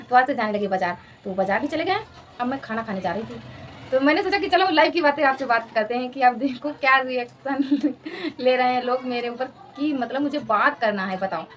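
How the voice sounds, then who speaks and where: A woman's voice: high-pitched, a bit bright, a little hiss or hum. A woman in her thirties chatting casually in a home vlog, repeating herself and laughing often. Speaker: vlogger.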